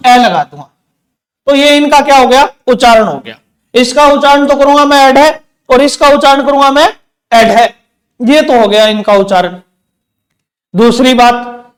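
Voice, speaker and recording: A man teaching an exam-prep grammar lesson, repeating key terms and asking questions back to his students. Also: extremely high pitch. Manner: says terms slowly, one by one.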